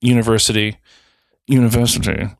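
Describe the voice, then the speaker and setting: A man in his thirties from Wisconsin, chatting casually as a podcast co-host. He rambles and jokes at his own expense in a mid-pitched voice. The sound is dry and close, with no room around it. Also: steady tone, fairly quick, gravelly, no echo. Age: 30s. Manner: rambling, self-deprecating, jokey. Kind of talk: casual chat.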